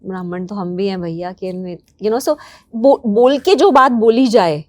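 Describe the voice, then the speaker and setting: A woman, a writer guest in an interview, speaking in halting phrases as she searches for words. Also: medium pitch, no echo, clean studio sound. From Afghanistan and north India. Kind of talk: interview talk mixing English and Hindi.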